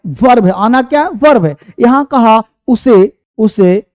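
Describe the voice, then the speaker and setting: A man teaches an English class, his voice pitched high and soft-toned. He goes slowly, stretching out his example sentences and firing questions at his students. The sound is close and dry. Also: animated, dry recording. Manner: drawn-out repeated example sentences, quizzing students. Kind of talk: classroom lesson.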